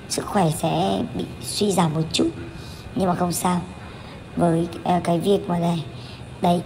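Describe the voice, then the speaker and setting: Narrating her family vlog, this thirtysomething vlogger talks in a frank, chatty way, often restarting and correcting herself between fillers. Her lowish voice is creaky and somewhat dark, over a slight hiss or hum.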